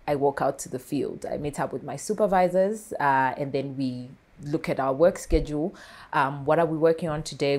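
Low-voiced woman interviewee, animated. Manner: articulate, animated with hand gestures, laughs often. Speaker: farmer and entrepreneur guest. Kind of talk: interview conversation. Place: small television studio set. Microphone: lapel mic.

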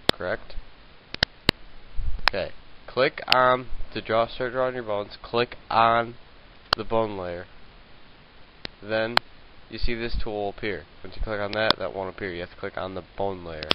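A young man with a fairly low voice walks through a software tutorial, talking casually and hesitantly with lots of okays and fillers. His handheld mic sounds dull and lo-fi, with a clear hiss running under everything. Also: a little slow. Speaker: tutorial maker. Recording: lo-fi hissy home mic.

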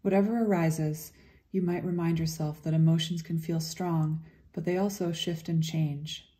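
A woman's voice, very soft, low, dark, and relaxed, guides a meditation session. Her speech is gentle and slow, marked by long, soothing breaks between phrases.

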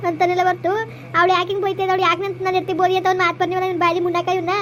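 A woman's voice: very high-pitched, monotone, racing, fairly bright tone, slight background noise. A woman playing a tearful young village wife who complains about her husband in a comedy skit. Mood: aggrieved.

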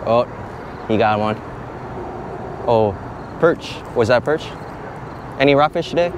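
A man's voice: mid-range voice, a little slow. A young man vlogging while fishing from an outdoor pier, chatty and upbeat, recorded on a head-mounted action camera. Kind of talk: casual vlog narration. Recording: outdoor camera audio with clear noise.

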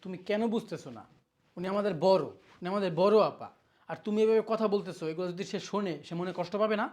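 A woman's voice: medium pitch, fast talker, darkish tone, natural voice. A woman playing a husband who pleads with his angry wife to treat his sister kindly. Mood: pleading. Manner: pleading and reasoning. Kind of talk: short film acting.

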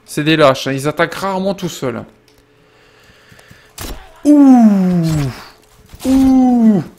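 A man's voice: a little high, fairly quick, gravelly. Chatty young man narrating his gameplay. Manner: chatty, rambling, addresses viewers directly; bursts into loud exclamations during fights. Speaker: gaming video creator. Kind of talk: casual let's-play commentary.

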